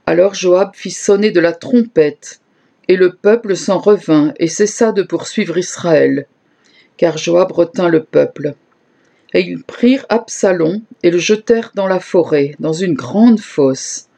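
A reader giving a slow, measured scripture reading, lifting the voice a little for quoted speech. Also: mid-range voice, creaky, warm tone.

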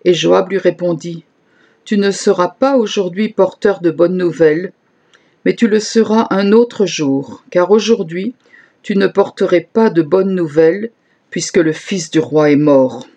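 A reader giving a slow, measured scripture reading, lifting the voice a little for quoted speech. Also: medium pitch, dark tone.

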